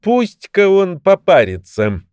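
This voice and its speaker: A man's voice: sits high, huge pitch swings, slow, a little mellow, smooth, dry recording, voice pushed up, exaggerated voice. A man voicing a sly, greedy peasant woman from a fairy tale, who speaks in a fawning, wheedling way.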